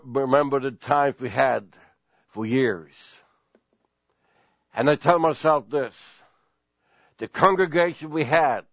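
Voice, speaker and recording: Male pastor, sermon delivery, slow and emphatic, dry lo-fi sound. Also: mid-range voice, dry recording. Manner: slow, deliberate preaching with emphatic repetition.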